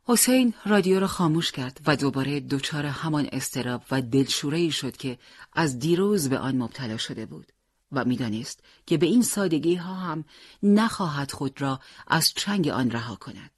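A narrator reading a story aloud in a measured, earnest audiobook style. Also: medium pitch, animated, breathy edge, dry recording, studio quality.

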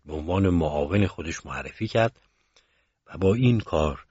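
Low-voiced male storyteller, calm and measured, dry, dull recording. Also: husky, no room sound. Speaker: narrator. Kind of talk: scripted story narration.

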